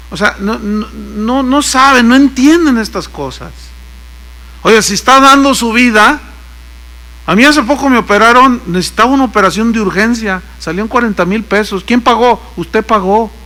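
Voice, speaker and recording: This pastor's voice is high-pitched and sharp, carrying a Mexican Spanish accent. His sermon is built on anecdotes, with him voicing the characters' lines and tossing in humorous side comments.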